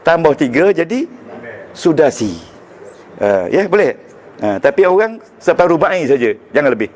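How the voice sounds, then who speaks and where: A man's voice: on the high side, very animated, moderate pace, a little mellow, a little hiss or hum. A man with a Malaysian Malay accent teaching Arabic grammar to a class, joking and quizzing the students as he goes. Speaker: religious teacher. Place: lecture room with students.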